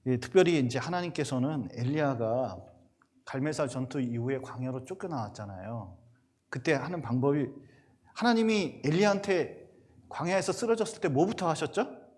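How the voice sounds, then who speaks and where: At normal speed and in a mid-range voice, a pastor delivers a sermon to parents. He brings his stories to life by acting out the quotes in an animated way.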